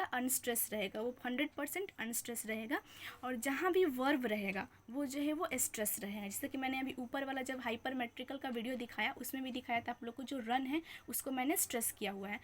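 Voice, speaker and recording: High-voiced woman teaching poetry scanning. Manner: explains step by step, asks and answers her own questions; mixes Hindi and English freely. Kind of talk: exam-prep lesson on scanning poetry.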